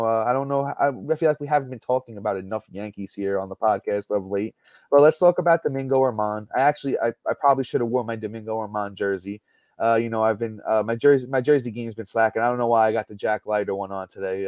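A man hosts a sports podcast in a relaxed, chatty way, reeling off numbers between fillers and restarts. His voice sits in a middle register with a dry, close sound. He talks from home over a call. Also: mid-range voice, no echo. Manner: chatty, stat-heavy, many fillers and restarts. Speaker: podcast host. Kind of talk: casual sports podcast talk.

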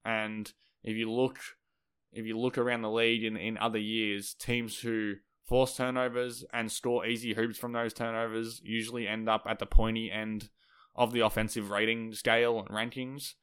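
A man hosting a sports podcast, giving solo basketball analysis in a conversational, thinking-aloud way with a slightly croaky voice. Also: fairly low pitch, little pitch movement, normal speed, a bit bright.

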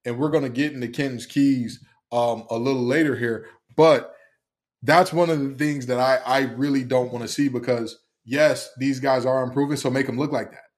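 A man hosting a solo football preview, talking emphatically with many fillers and repeated phrases. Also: mid-range voice. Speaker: sports analyst host. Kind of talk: solo sports preview commentary.

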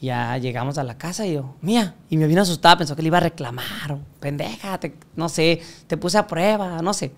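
A man's voice: on the high side, brisk, few pauses. A young Mexican man with a Mexican accent, telling a crude, slang-filled story in casual chat. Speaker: podcast guest telling his story.

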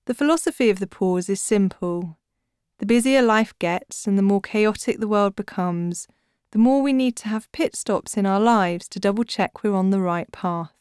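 A woman podcast host reading scripted guided relaxation in a soothing, measured manner, like a sleep story narrator. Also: mid-range voice, a little mellow, clear, resonant tone, no room sound, clean studio sound. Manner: soothing, measured, deliberate phrasing. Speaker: podcast host and author guiding breathing practices.

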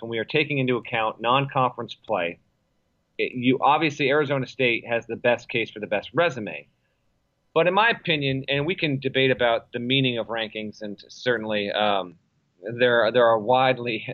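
A man co-hosting a sports podcast, giving wordy conversational analysis and qualifying his opinions with asides. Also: medium pitch. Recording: slightly dull lo-fi audio.

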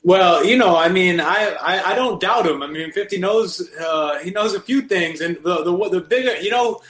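Man, co-host, halting, many restarts, echoey room. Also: sits high, a bit bright. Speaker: podcast co-host. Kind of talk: casual sports chat.

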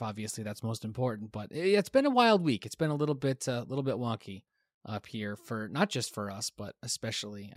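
A man's voice: lowish voice, no echo. Guy hosting a chatty pod, kinda worn out, lots of uhs and laughs, dry close mic. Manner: laughs often, filler-heavy, relaxed. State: tired from a newborn. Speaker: podcast host. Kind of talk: casual chat.

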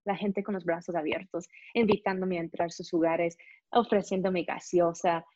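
A young woman with an American accent and native English, telling a lively story as an interview guest and acting out the people in it. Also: on the low side, normal speed, no echo. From United States. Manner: animated, acts out voices in her story. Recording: dull, muffled sound.

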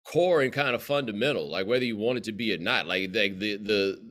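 With a lowish, fairly bright voice and a slightly fast pace, a Southern American man in his forties chats casually as a guest. Hailing from the southern US, he spins expansive, idiomatic stories with plenty of emphasis.

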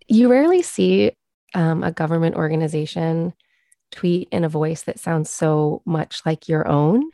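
Low, creaky-voiced American woman journalist. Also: measured pace, warm tone, dry recording, studio quality. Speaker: journalist, interview guest. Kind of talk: casual, conversational explaining.

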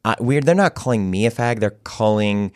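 Low-voiced man hosting a podcast, dry sound. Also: fairly quick, clean tone, dry recording. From Cleveland. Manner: wry, joking. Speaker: podcast host. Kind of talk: casual interview.

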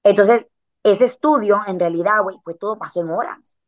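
A woman's voice: mid-range voice, normal speed. A woman, chatting casually as a podcast guest and telling a story in a slangy way, with frequent filler words.

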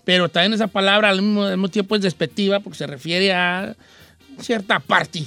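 Hosting a relaxed radio chat, a man with a western Mexican accent, Michoacán area, spins animated stories and performs the quoted lines himself. His gravelly voice sits high and moves fairly quickly over soft background music.

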